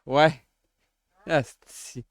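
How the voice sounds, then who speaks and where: A man with a Quebec French accent hosts a casual livestream from home, excitable and quick to exclaim and crack jokes.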